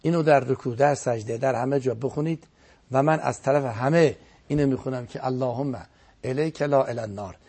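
A man's voice: medium pitch, dark tone, breathy edge. A man speaking as a guest cleric, giving an earnest, emphatic religious lecture on a broadcast program and often repeating his words for stress. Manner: earnest, emphatic preaching with repetitions.

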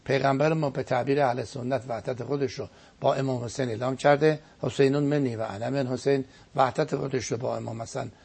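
This man, appearing as a guest cleric on a broadcast program, preaches earnestly and emphatically, repeating his words to drive points home. His voice sits at medium pitch with fairly even intonation and sounds creaky, slightly rough, and darkish.

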